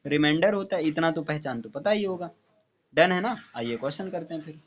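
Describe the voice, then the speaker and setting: A man's voice: fairly high pitch, expressive, brisk, highs cut off, a little hiss or hum. Man tutoring a maths lesson. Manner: explains step by step, checking in with the student.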